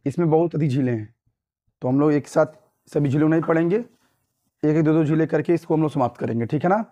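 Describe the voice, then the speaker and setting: A man's voice: fairly high pitch, quick pace, warm tone. A young man from Uttar Pradesh teaching an exam-prep lesson, repeating points and quizzing listeners with tag questions. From Uttar Pradesh, India.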